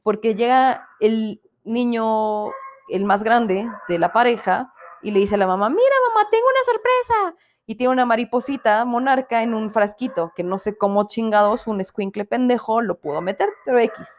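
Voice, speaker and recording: A woman's voice: on the high side, steady tone, normal speed, slight background noise. A young woman with a Mexican accent hosting a casual podcast review, ranting irreverently with plenty of swearing and mimicking people she talks about. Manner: mimics others in put-on voices. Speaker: podcast host reviewing a series.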